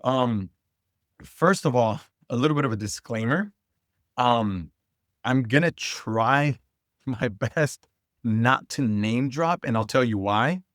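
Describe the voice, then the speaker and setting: A youth soccer advocate from Santa Ana, California, appears as an interview guest, sharing personal stories in an informal, earnest way. His medium-pitched, slightly bright voice is animated yet slow, captured in a dry, clean studio recording.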